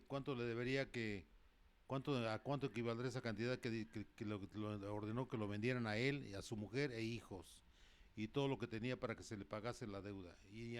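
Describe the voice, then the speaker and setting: A man preaching a sermon, reading Bible verses and explaining them in plain asides, often stopping to correct himself. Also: fairly low pitch. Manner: reads scripture with rising emphasis and loudness.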